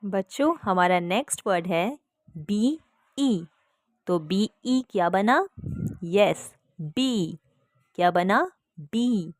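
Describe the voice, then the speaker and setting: Slow patient teacher, woman. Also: mid-range voice, darkish tone, no echo, clean studio sound. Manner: slow, patient, repeats sounds and prompts children to answer. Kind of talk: phonics lesson for children.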